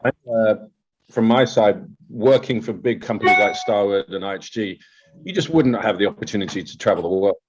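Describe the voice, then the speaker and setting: A man's voice: fairly low pitch, moderate pace, slight background noise. A man speaking casually as a guest answering questions in an interview. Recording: slightly dull, lo-fi sound.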